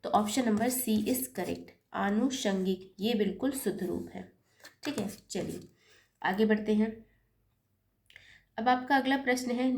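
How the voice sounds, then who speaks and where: This Hindi teacher's voice is medium in pitch, creaky, and a little mellow. During an exam-prep lesson she patiently spells out corrections step by step. When she slips, she corrects herself and apologizes.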